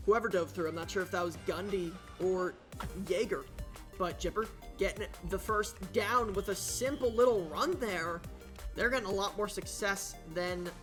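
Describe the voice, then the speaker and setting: Bright-voiced excitable game commentator. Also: male voice. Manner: excitable, pitch jumps on big plays. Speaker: play-by-play commentator. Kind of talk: esports football commentary.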